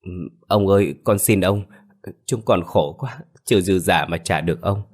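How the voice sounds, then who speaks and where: A man's voice: sits low, moderate pace. Man voicing a stammering pleading peasant wife. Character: poor frightened peasant wife, middle-aged woman. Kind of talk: audio story acting.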